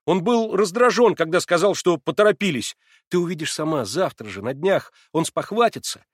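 A man voicing a fervent young man, pitched up. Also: a little fast, no room sound, studio quality, natural voice. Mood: heated. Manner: heated, excitable, swearing oaths. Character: ardent young man, pleading and eager.

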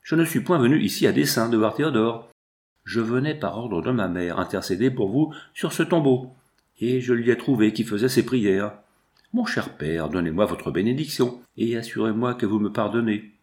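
A man voicing a gentle young princess who pleads tenderly for forgiveness in a storybook reading. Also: mid-range voice, animated, moderate pace, lightly acted. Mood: pleading.

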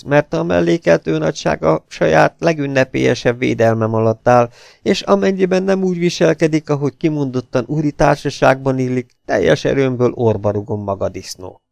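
A man reading aloud, voicing a stocky, hot-tempered older sailor who bursts out in rough, indignant shouts. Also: mid-range voice, no room sound, voice pushed up.

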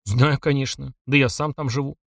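A man's voice: medium pitch, steady tone, normal speed, gravelly, a bit bright, dry recording, clean studio sound. A man reading an audiobook and voicing a sly, chatty driver in his thirties who teases and questions. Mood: suspicious, teasing. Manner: chatty, teasing, probing.

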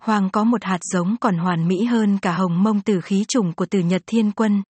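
A woman voicing a learned academy elder who explains calmly in a fantasy audiobook. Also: medium pitch, a little slow, breathy edge, dry recording. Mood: explaining.

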